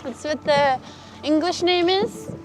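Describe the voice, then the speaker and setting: High-voiced woman guiding a canoe tour. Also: takes it slowly. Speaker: tour guide. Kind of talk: guided tour talk. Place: outdoors on a canoe.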